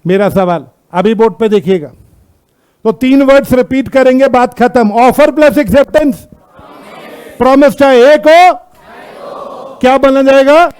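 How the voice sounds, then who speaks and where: A man with an Indian accent teaching a classroom law lecture, constantly quizzing students with rhetorical questions and reading out English text slowly. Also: very high voice, darkish tone, clear, resonant tone, a faint crowd.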